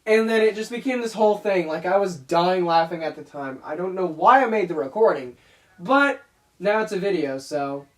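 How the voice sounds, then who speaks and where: A young man talks loosely through his old videos. He rambles, stops to laugh and mocks his past self in a relaxed, chatty way. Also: sits high, normal speed. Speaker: YouTube animator reacting to his old videos. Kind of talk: casual reaction commentary.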